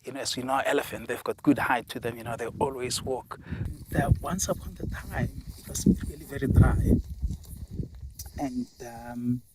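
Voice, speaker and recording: A man, a safari field guide from South Africa, telling a folk tale outdoors in the bush as an animated storyteller. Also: medium pitch, moderate pace. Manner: animated storyteller, many fillers. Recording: loud outdoor noise, bush sounds.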